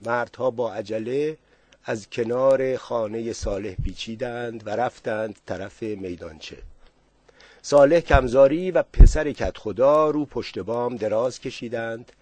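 Guy reading a story aloud, calm steady narration, dead dry recording. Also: medium pitch, no echo.

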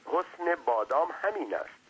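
A man's voice: on the high side, big pitch swings, slightly rough, pitched above the performer's own voice, exaggerated voice, low-quality recording. A man voicing a small, talkative non-human servant who speaks deferentially and lectures at length. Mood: lecturing.

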